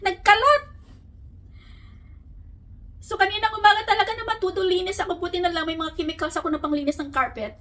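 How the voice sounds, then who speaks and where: High bright Filipina vlogger at home. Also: female voice, steady tone, rapid-fire, few pauses. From Philippines. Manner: chatty, mixing Tagalog and English, laughs often; coaxing baby talk to her dog. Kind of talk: casual chat. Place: at home indoors. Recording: far from the mic, faint room noise.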